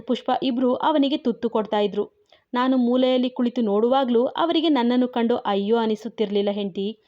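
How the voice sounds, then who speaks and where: Audio-story figure: a brooding, grieving young husband, read by a woman, soft and sorrowful, lo-fi. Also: fairly high pitch, lightly acted. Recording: dull lo-fi recording.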